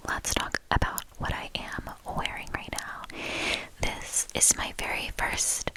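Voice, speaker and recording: Casting: female ASMR host, fully whispered, casual and rambling, softly repeating words. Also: slow, rough recording. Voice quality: soft, unvoiced whisper. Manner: lingers on and repeats soft words. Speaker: host of a knitting ASMR channel.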